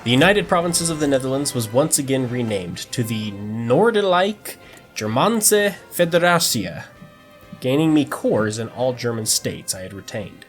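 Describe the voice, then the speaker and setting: A man's voice: mid-range voice, expressive, measured pace, faint music behind. A man narrating a strategy game campaign in a mock-dramatic storytelling tone, breaking it with dry joking asides.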